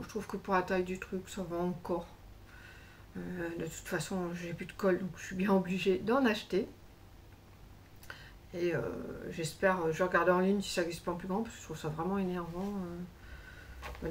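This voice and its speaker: A woman's voice: on the low side, a little hiss or hum. A woman vlogger chatting casually to camera about her craft purchases, rambling with many fillers and self-corrections. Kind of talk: casual haul chat to camera.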